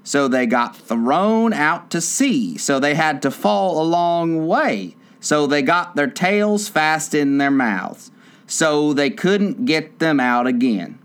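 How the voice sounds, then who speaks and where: A man voicing a solemn, impatient male griffin who talks slowly. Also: on the high side, animated, clean tone, pitched above the performer's own voice. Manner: slow and solemn.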